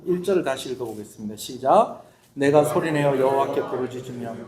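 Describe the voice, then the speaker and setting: A middle-aged man preaching a sermon as a pastor, lively, swinging between loud bursts and hushed asides. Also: a little high. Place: church. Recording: echoey church hall.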